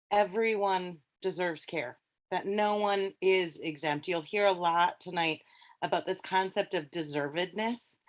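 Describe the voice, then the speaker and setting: A middle-aged woman with an Upper Michigan Yooper accent and elongated vowels, presenting informally on a webinar as a teacher. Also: mid-range voice. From Upper Peninsula of Michigan, United States.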